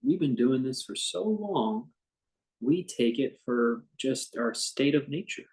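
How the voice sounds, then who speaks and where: Animated and medium-pitched, a man's voice leads a guided meditation despite poor audio. He teaches in an unscripted, conversational way, with soft, halting phrases and long pauses.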